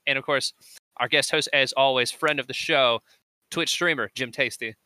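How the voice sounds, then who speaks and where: A man hosting a casual podcast chat, excitable and swearing freely, laughing often. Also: medium pitch, moderate pace, no echo. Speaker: podcast host.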